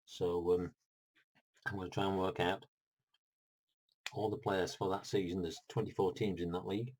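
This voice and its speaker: A man's voice: deep voice, level tone, normal speed, a little mellow, a little hiss or hum, low-quality recording. A middle-aged man, unboxing a board game in a rambling, chatty vlog full of asides. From United Kingdom.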